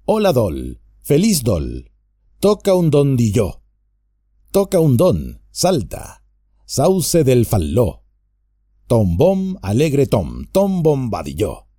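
A man's voice: medium pitch, wildly swooping pitch, slow pace, mellow, dry recording, clean studio sound, heavily acted. A man voicing a jolly, carefree male forest figure who sings nonsense rhymes, in an audiobook reading. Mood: merry. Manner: sing-song, carefree.

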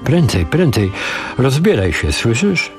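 A man's voice: medium pitch, big pitch swings, unhurried, over music. A man reading the lines of an anxious young husband who pleads urgently with his father in a storybook reading. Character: anxious young married man, the old man's son.

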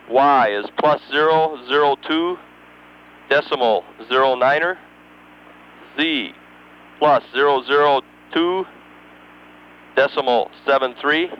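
A man acting as mission control communicator over radio, methodically reading procedural figures digit by digit with pauses. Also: mid-range voice. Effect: radio transmission. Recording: dull, band-limited mission radio channel.

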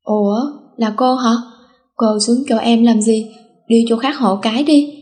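A woman's voice: a little high, unhurried, warm tone, lightly acted. A woman doing a cheeky, flippant teenage schoolgirl. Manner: flippant, teasing.

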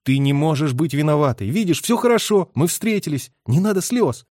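A man's voice: on the high side, lively intonation, a little fast, darkish tone, dry recording, studio quality, voice pushed up. A man playing an urgent young army officer. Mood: tender. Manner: calling out urgently.

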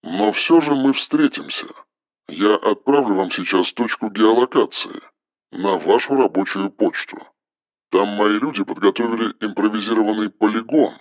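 A man reading an audiobook, voicing a cold, commanding engineer who gives flat, toneless orders over the phone in a metallic voice. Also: fairly low pitch, normal speed, no room sound, dull audio, voice pushed down. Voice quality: metallic timbre.

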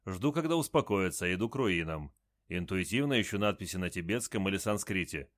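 A man with a low voice narrates a first-person adventure story in short, matter-of-fact sentences, terse and steady and a little fast. The recording is dry and close, with no room sound or echo.

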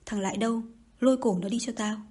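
A haughty noble lady hurling scornful insults, as a woman reads her in an audiobook. The tone is mellow and very husky. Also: a little high, steady tone, fast. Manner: scornful scolding. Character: haughty scolding mandarin's wife. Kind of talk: audiobook reading.

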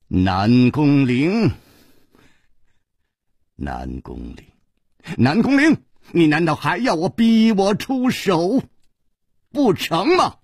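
A calm, legendary swordsman who sighs as he pleads with a rival, voiced by a male storyteller. His husky voice rises and falls in a slow drawl. A single-narrator wuxia audiobook. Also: on the high side, dry recording, studio quality, full character voice. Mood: sighing plea. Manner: sighing, repeating a name pleadingly.

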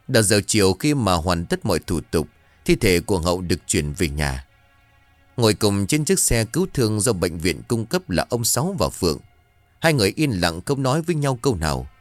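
Male storyteller, ghost story narration, lively pitch, lowish voice, faint music behind. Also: normal speed, dry recording. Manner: dramatic, expressive storytelling.

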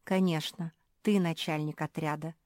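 A woman's voice: low voice, steady tone, normal speed, a little mellow, no room sound, clean studio sound, close to an everyday voice. A woman voicing a bossy, firm young pug girl in a children's story. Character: bossy, practical young female pug leader.

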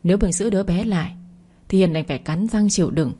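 A woman narrating a dramatic story in a steady storytelling voice. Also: lowish voice, fast, breathy edge.

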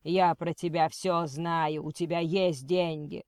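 A woman voicing a cold male kidnapper who threatens slowly and quotes scripture. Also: low voice, fairly even intonation, a little mellow, dry recording. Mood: menacing. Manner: slow, menacing, preachy.

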